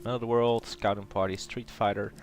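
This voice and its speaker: Nasal from a cold, a man with a lowish voice speaks a little fast in a flat delivery. He's hosting a casual let's play, thinking aloud through the gameplay with lots of hesitation.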